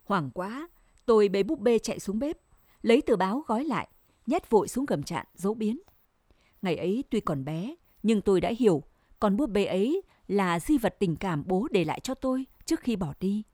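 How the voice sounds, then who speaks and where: A woman narrating a scripted first-person story in a measured, sorrowful way. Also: medium pitch, mellow, no echo, studio quality.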